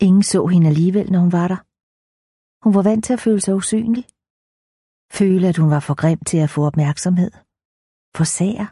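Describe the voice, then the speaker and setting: Dark-toned woman narrating an audiobook. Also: deep voice, breathy edge, no room sound, studio quality.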